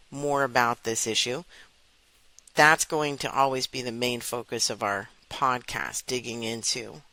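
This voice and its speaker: A woman hosting her own podcast, talking earnestly and enthusiastically with clear enunciation. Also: rumbling low, pushed and bright, no room sound, rough recording. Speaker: podcast host. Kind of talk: solo podcast talk.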